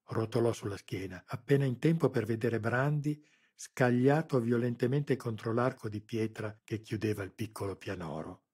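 A man narrating an audiobook in a steady, measured reading. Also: mid-range voice, breathy edge. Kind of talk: scripted narration.

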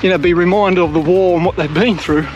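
A man's voice: high-pitched, fairly even intonation, quick pace, highs cut off, over music. An older Australian man rambling casually as he walks a coastal trail, filmed on an action camera at arm's length outdoors. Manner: chatty, rambling, self-mocking. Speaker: hiking vlogger. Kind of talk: casual walking commentary. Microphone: action camera held at arm's length.

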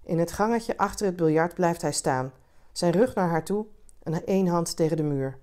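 A woman reading a literary short story aloud in a calm, measured way. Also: on the low side. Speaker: reader.

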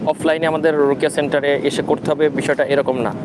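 Casting: Bangladeshi male, high-pitched voice, informal religious adviser speaking live outdoors, halting and instructive, over clear wind and rumble. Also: level tone. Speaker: ruqyah practitioner hosting a live Q&A. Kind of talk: informal livestream talk with religious advice. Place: outdoors at a sea beach.

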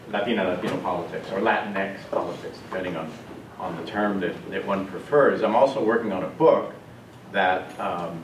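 A man, a course professor giving a measured, explanatory introduction to a class, with some fillers. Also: low voice. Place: university classroom with students. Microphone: far camera. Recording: echoey classroom, distant camera mic, faint noise.

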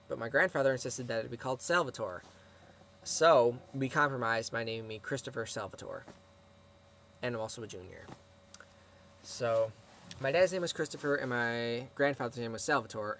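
A man's voice: medium pitch, a bit bright. Teenage male vlogger, casual and chatty, mid-range voice, faint background noise. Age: teens. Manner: chatty, rambling, answering viewer questions. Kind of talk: casual chat to camera.

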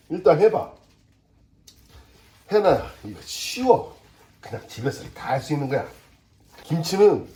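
Working on a batch of kimchi in his home kitchen, a middle-aged father and cooking vlogger talks loosely to himself, full of mutters and little jokes. The voice sits in the mid range with a warm quality, and the recording has a roomy feel.

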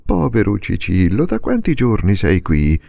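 A man's voice: on the low side, wildly swooping pitch, unhurried, gravelly, dark tone, dry recording, clean studio sound, full character voice. A man voicing a peasant father who talks effusively and exclaims with relief, in an audiobook reading. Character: peasant father, warm, overjoyed and bustling.

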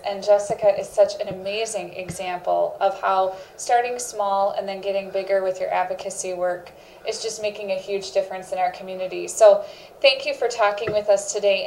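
A woman's voice: mid-range voice, vocal fry, a little mellow. A middle-aged woman hosting an interview indoors, encouraging and upbeat with her guest. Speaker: host. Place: living room set indoors. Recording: roomy sound, faint noise.

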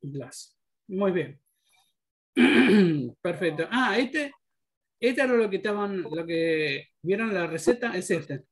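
A man's voice: high-pitched, expressive, slow pace, long pauses. A man teaching an English class, patiently explaining pronunciation rules step by step. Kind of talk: online class instruction.

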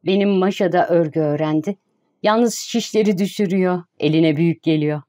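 A woman's voice: lowish voice, normal speed, mellow, natural voice. A woman reading as a homely, caring landlady.

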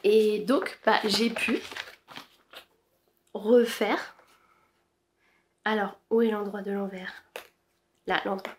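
A woman's voice: medium pitch, steady tone, takes it slowly, pauses often, a little hiss or hum. A woman chatting casually about her knitting to camera, hesitant with many fillers. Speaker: knitting podcaster. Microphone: camera-mounted shotgun mic.

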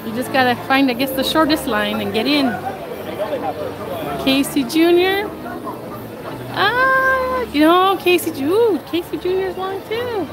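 With a very high voice and lively intonation, a vlog host talks a little slowly and leaves long pauses as she walks through a crowded theme park filming on her phone. She's casual, laughs often, and sounds slightly nasal from recovering from a cold, against loud crowd chatter and park music.

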